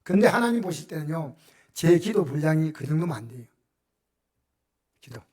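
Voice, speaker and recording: Middle-aged Gyeongsang-accented pastor, high voice, very lively sermon delivery with bursts of shouting and sudden hushes. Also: male voice, normal speed. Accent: Gyeongsang Korean. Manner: animated, shifts from loud cries to near-whispers. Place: church sanctuary.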